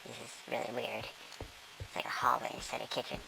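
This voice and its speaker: Whispering with a flat, creaky delivery at a fairly quick pace, a gamer gives a tour of their build through a filter that turns their voice into a tiny, squeaky squirrel. They ramble casually, full of ums and corrections to themselves. The recording is rough.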